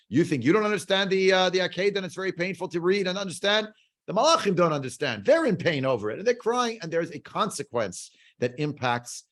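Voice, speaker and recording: A Torah teacher leads a Bible class over a video call, wandering off on tangents and filling his talk with fillers and rhetorical questions. His voice is fairly high in pitch and fairly bright.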